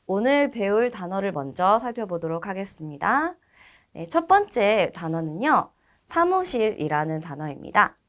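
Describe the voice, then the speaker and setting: Female instructor, animated intonation, patient explanatory delivery, drawn-out model words. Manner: patient, explanatory, frequent affirming fillers; drawn-out, high-pitched model pronunciations. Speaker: Chinese language instructor. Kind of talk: vocabulary lesson with repeat-after-me drills.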